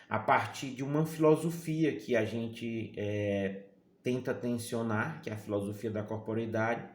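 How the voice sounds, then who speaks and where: A man with a Northeastern Brazilian accent delivers a recorded academic talk, his voice sitting at an ordinary mid pitch. He lectures in a measured, searching way, pausing on fillers and tag questions to keep his listeners with him. The recording carries a noticeable roomy echo. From Piauí, Northeastern Brazil. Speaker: university lecturer.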